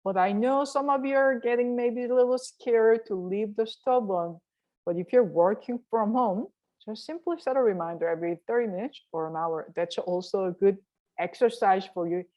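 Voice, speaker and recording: A Korean woman with a mid-range voice talks at a normal speed over lo-fi audio. She's a health and cooking vlogger running a chatty, encouraging cooking tutorial, often tossing in a rhetorical "right?".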